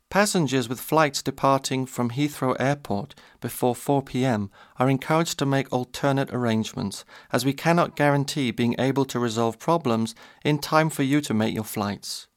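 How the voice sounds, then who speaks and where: A man making a formal, steady scripted train station announcement. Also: mid-range voice.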